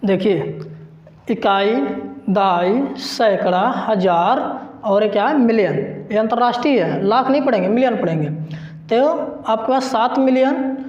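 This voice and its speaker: A man giving an online math lesson, explaining slowly and step by step, repeating each digit. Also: high-pitched, darkish tone. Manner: slow, repetitive, step-by-step explaining. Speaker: math teacher. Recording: roomy, dull lo-fi recording.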